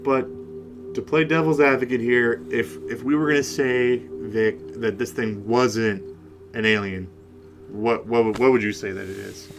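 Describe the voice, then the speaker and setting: A man co-hosting a conversational paranormal case discussion, speaking in a halting way and repeating words. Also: mid-range voice, fairly even intonation, gravelly, over music. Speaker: podcast co-host.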